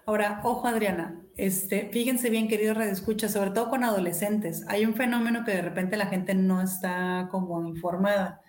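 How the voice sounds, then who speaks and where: A woman hosts a radio talk show, speaking straight to her listeners. She explains her points with lively stories and little acted-out quotes, and her voice sits at a middle pitch. The studio sound is roomy, with a clear echo around her. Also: moderate pace, hardly any pauses.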